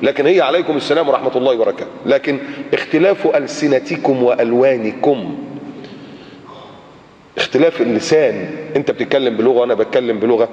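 A man's voice: medium pitch, a little mellow. A man with an Egyptian accent giving a colloquial religious lecture, sounding out letters and acting out his examples. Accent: Egyptian Arabic. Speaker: preacher. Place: lecture hall or mosque in Qatar. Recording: echoey hall, dull lo-fi recording.

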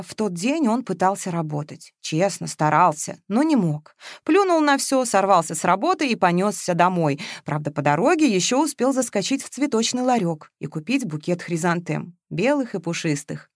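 A woman narrating a novel aloud in an expressive, dramatic reading style. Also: fairly low pitch, moderate pace, hardly any pauses, no room sound, studio quality. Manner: lively, dramatic storytelling. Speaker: audiobook narrator.

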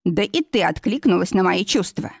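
A woman reading an audiobook, voicing a confident young man who is a calm, persistent suitor, in her own middle-pitched voice. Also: normal speed, creaky, slightly rough, dry recording, clean studio sound, heavily acted. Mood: insistent. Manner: calm, self-assured.

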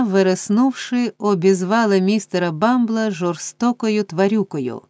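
A woman narrating a classic novel as an audiobook, measured and expressive. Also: medium pitch, no room sound. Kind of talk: scripted literary narration.

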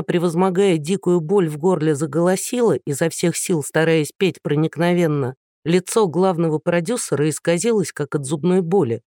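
A man with a fairly high voice narrates an audiobook, steady and lightly ironic. The recording is dry and close, with no room sound. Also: no echo. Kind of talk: scripted narration.

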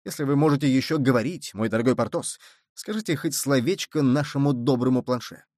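Man doing a bold musketeer; brisk, confident, dry read. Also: mid-range voice, darkish tone, dry recording, natural voice. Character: bold cunning male musketeer, quick-witted.

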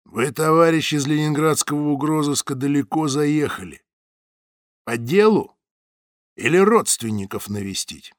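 A man doing a brash, loud railway guard. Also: fairly high pitch, animated, unhurried, no room sound, studio quality. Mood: wary. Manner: loud, bossy, scornful. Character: coarse male secret-police guard, brash.

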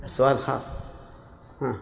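An older man teaching a religious class. He drills his students by reciting word forms again and again and quizzes them with short probing questions. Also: brisk. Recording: echoey hall, dull lo-fi archive recording.

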